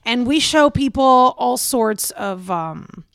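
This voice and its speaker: A lively woman with a light Spanish accent, chatting in an animated storytelling way. Her voice sits fairly high and sounds dry and close, with no room around it. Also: smooth, no echo. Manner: animated, storytelling, quick to laugh. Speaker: TV feature reporter, guest. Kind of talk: casual radio chat.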